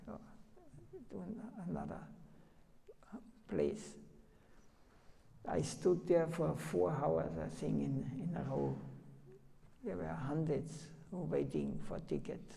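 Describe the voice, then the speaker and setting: An older man, a spiritual teacher, giving a sermon and telling stories in halting, broken English. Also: on the high side, vocal fry, dark tone, big-room sound. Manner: halting, storytelling, broken non-native phrasing. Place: temple hall.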